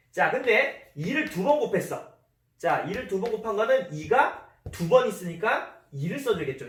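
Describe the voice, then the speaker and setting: A man's voice: high voice, a bit bright. A man teaching a math lesson in a classroom, repeating key terms and asking the class questions. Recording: roomy echo, voice from a distance.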